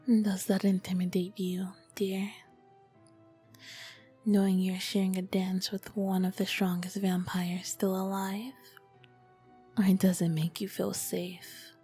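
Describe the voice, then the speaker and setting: In a whispered ASMR roleplay, a woman with a medium-pitched, soft and breathy voice plays an ancient vampire queen who is charming and flirty, using elegant, formal diction while sounding proud and protective.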